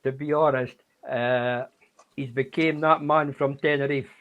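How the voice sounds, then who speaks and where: A man chatting casually in a hesitant, halting way. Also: mid-range voice, fairly even intonation. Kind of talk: casual chat. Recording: thin phone-like internet call.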